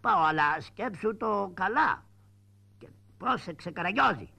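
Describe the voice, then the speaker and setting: A man's voice: sits high, lively intonation, gravelly, sharp tone, full character voice. A man doing a sing-song fussy town crier. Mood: fretful. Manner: drawn-out sing-song crying out. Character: fussy, fearful male town crier puppet. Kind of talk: shadow-puppet theatre acting.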